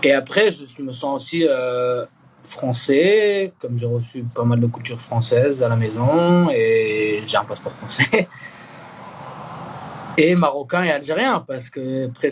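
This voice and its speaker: A young man born in East Jerusalem, speaking in a candid interview, earnest and halting with frequent restarts and fillers. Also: medium pitch, a little hiss or hum. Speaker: Israeli reservist interviewee.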